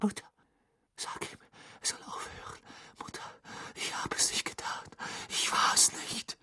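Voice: slow pace, lightly acted. A reader doing a sobbing, screaming young prisoner. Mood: desperate, sobbing. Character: desperate teenage boy in chains, pleading. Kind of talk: dramatic audiobook reading.

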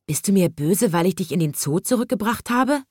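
A kind little storybook wizard speaks softly and gently, as a woman reading aloud puts him on. The voice stays close and dry. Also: medium pitch, expressive, fairly quick, slightly rough, no room sound. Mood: gentle.

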